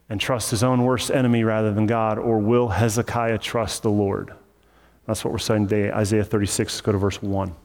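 A male pastor delivers a sermon in a relaxed, chatty manner, dropping in light jokes as he teaches. His mid-range voice rings out with a long reverb tail, as if from a large sanctuary. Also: medium pitch. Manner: casual, conversational, joking asides. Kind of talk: sermon teaching through scripture.

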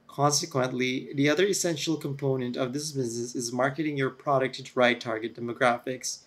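Man talking as if through a tunnel. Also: mid-range voice. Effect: echoey tunnel-like sound with feedback. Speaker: podcast host. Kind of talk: explanatory solo podcast. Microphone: camera-mounted mic.

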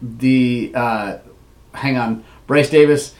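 A man's voice: medium pitch, steady tone, slow pace, darkish tone. A man hosting a casual livestream who rambles through a story, laughs often and reads viewer comments aloud. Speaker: livestream host.

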